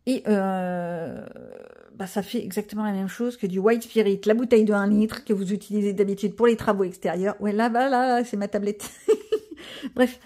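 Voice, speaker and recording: A woman's voice: medium pitch, steady tone, normal speed, warm tone. A middle-aged woman, chatting casually and rambling with self-mocking asides in a home vlog. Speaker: vlogger. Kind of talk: casual chat while coloring.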